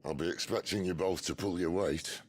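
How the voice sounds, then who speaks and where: An actor playing a gruff, wry older outlaw leader with a gravelly voice in a video game drama. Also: male voice, low voice, normal speed, a little mellow, slight background noise, close to an everyday voice. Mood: wry, scheming. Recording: game audio under clear music.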